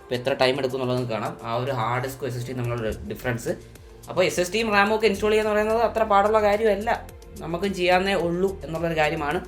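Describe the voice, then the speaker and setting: A man's voice: a little high, lively intonation, racing. A man narrating a tech tutorial in a casual, chatty, informal way. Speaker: tech vlogger. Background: background music.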